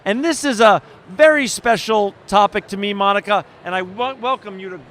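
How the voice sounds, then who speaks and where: A man's voice: high-pitched, moderate pace, fairly bright tone. A man hosting an interview show, asking questions in an upbeat, enthusiastic manner at an outdoor festival. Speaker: radio show host.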